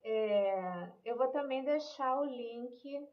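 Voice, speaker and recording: Slow, patient Brazilian woman teacher. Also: on the high side, reverberant, highs cut off. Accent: Brazilian Portuguese. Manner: explains patiently, mixes English and Portuguese, frequent "né?" and "ok?". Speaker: English teacher. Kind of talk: online language lesson.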